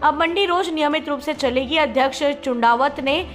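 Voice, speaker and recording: A woman's voice: sits high, moderate pace, a bit bright, soft background music. A woman reporter reading scripted news narration.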